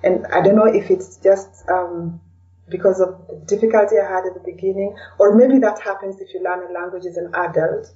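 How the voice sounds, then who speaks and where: A mellow, medium-pitched woman speaks fairly quickly in a steady tone. The middle-aged podcast guest, a blogger and podcaster with a Kenyan accent, answers questions in a reflective, tentative manner, often tacking on "you know." A distant mic gives the recording a dull lo-fi feel.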